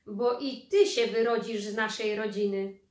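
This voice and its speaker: A woman voicing a stern middle-aged aunt who scolds in a sharp, drawn-out, reproachful way. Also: medium pitch, natural voice. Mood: warning. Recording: echoey room.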